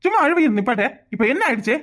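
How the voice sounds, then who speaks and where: A woman's voice: sits high, sing-song, quick pace, fairly bright tone. A woman voicing a sheepish young village man in a cartoon, speaking with a Kanyakumari Tamil accent and coaxing, pleading calls. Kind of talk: cartoon voice acting.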